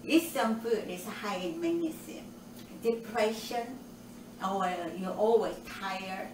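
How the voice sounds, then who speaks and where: An older woman, a cooking show host, cheerfully and slowly demonstrates a recipe in her home kitchen, explaining each step and adding notes on nutrition. Her medium-pitched voice is picked up by a camera a little way off, giving it a roomy, distant ring over steady household noise.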